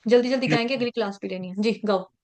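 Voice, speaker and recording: A woman's voice: mid-range voice, fast, darkish tone. A woman teaching Sanskrit verse recitation in an online class, patiently breaking words into syllables and repeating them. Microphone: video call.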